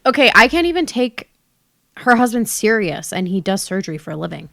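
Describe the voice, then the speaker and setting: A young woman co-hosting a podcast, an animated storyteller who swears freely in casual chat. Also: medium pitch, a little fast, vocal fry, no echo, studio quality. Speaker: podcast co-host.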